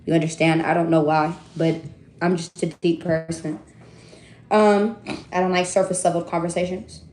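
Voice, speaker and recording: A woman giving a casual tarot reading to her viewers, chatty and animated, laughing often and swearing freely. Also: lowish voice, moderate pace, slight background noise. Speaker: tarot reader. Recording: roomy echo.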